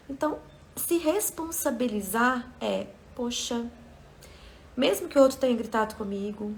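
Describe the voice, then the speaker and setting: A woman's voice: on the high side, vocal fry, a little hiss or hum. A woman giving a motivational self-help talk as a coach, speaking conversationally and often checking in with her listeners.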